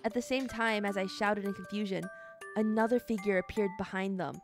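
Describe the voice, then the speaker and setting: Over soft game music, a streamer with a medium-pitched, steady voice reads a visual novel aloud at a brisk clip. She chats casually on a co-op stream, tossing out blunt, sweary exclamations.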